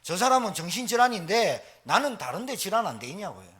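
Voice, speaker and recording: A man's voice: sits high, very animated, quick pace, a bit bright, slightly rough. A middle-aged man, preaching a sermon as pastor with emphatic rhetorical questions.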